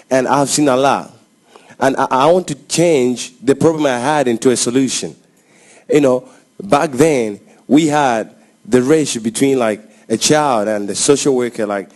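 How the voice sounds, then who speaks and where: A man in his twenties with a South African accent, giving an earnest, passionate talk to a panel with halting restarts. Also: medium pitch, a little mellow. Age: 20s. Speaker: youth presenter. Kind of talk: speech to a panel.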